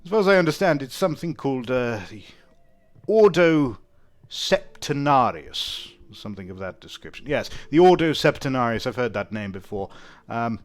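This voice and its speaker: A man's voice: medium pitch, lively intonation, normal speed, voice pushed up, lightly acted. A man voicing a haughty nobleman who looks down on merchants, speaking in an airy, pompous and hesitant way.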